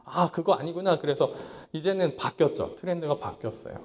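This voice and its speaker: A man preaching a sermon as pastor, swinging between loud pleading lines and low hushed ones, acting out his own past thoughts in quotes. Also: a little fast, slight background noise. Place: small church hall.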